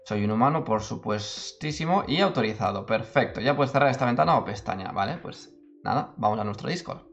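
A tutorial YouTuber records a casual screen-capture tutorial, speaking animatedly and fairly quickly in a lowish, creaky voice. He's chatty and keeps interrupting himself, saying "¿vale?" a lot, with faint music and lo-fi sound quality.

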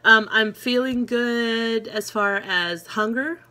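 A woman's voice: a little high, slow, bright, forceful tone. A woman talking casually to her viewers in a vlog, rambling with many fillers and restarts, friendly and encouraging. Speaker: vlogger. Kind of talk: casual chat to camera.

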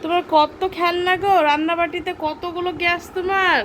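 A woman with a very high, bright voice talks in playful chat to a little child. She coaxes and repeats questions, with faint noise behind her. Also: fairly even intonation, brisk. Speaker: adult playmate hosting a child's video.

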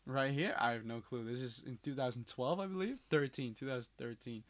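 A man's voice: medium pitch, a little fast. A young man hosting a casual reaction video, joking and rambling with frequent restarts. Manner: joking, rambling, self-interrupting. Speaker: host.

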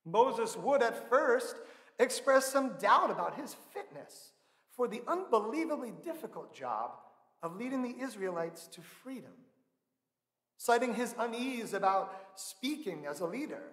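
A man in his thirties preaching a sermon from a church pulpit, measured and earnest, leaning on slow emphatic stresses. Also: sits high, a bit bright. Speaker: pastor. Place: large church sanctuary, indoors. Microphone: pulpit microphone. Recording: echoey church with long reverb.

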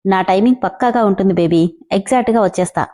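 A woman's voice: mid-range voice, fast talker, dark tone, close to an everyday voice. A woman voicing a confident young man who teases and gives orders. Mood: teasing.

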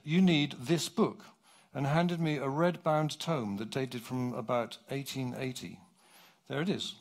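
A middle-aged man from England, giving a public lecture from his script on a theatre stage. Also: on the high side. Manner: animated, clear and measured.

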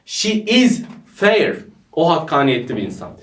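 A man's voice: on the high side, big pitch swings, measured pace, a bit bright. A man teaching English to a group of friends, joking and teasing as he explains. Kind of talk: playful group lesson banter. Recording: echoey room, mic at a distance.

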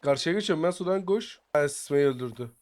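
A man chatting with teammates over voice chat while playing a survival game, slangy and excitable, sometimes muttering quietly and sometimes breaking into shouts. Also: a little high, quick pace. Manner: excitable, slangy, bursts into shouting when attacked; often mutters quiet asides. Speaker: gaming YouTuber. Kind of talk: casual gameplay chat with teammates.

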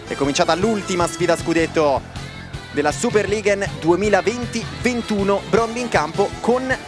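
Animated young man, high-pitched football commentary. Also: normal speed, music in the background. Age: young adult. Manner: animated, raised voice. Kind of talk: excited live football commentary. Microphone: headset microphone.

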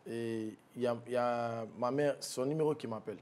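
A man recounting a personal loss in an interview, speaking softly and haltingly, with frequent restarts and a voice that drops low at painful moments. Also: steady tone, clear, resonant tone. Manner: soft-spoken, halting with restarts, low when recalling grief. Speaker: guest.

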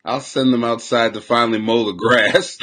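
A man in his forties rants loudly on a live stream, speaking into a desk webcam in a small room at home. His voice sits in the mid range with a steady tone and moderate pace as he rambles through a crude comedy rant, laughing and swinging between shouting and mumbling.

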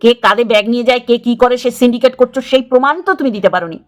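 A woman's voice: on the high side, rapid-fire. A middle-aged woman, scolding another creator in an angry video rant, repeating her points. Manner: scolding, confrontational, repeats phrases. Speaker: YouTube creator.

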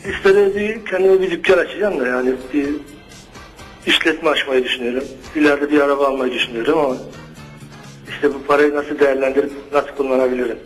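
A man's voice: fairly high pitch, steady tone, quick pace, low-quality recording. A man in his thirties calling an advice show, speaking casually and hesitantly as he searches for words. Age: 30s. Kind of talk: casual, unscripted phone-in question. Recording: music behind the voice. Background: background music.

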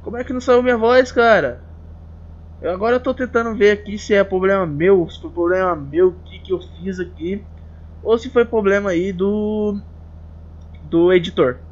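A young man from Paraná, Brazil, chatting casually over a game, excitable and joking, with a lot of swearing. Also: high voice, moderate pace. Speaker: gaming YouTuber. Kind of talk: casual gameplay chat. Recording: dull lo-fi recording.

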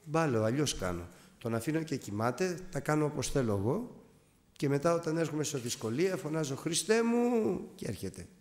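A man preaching fervently, his mid-pitched voice swinging widely up and down as he tells his story. He repeats phrases for emphasis and breaks into exclamations. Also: lively intonation, darkish tone. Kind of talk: sermon with a personal testimony.

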